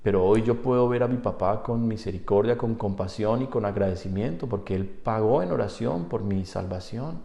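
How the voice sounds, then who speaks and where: Fervent pastor preaching in an echoey church. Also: male voice, mid-range voice, gravelly, dark tone. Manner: earnest personal testimony building to fervent exhortation. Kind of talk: sermon.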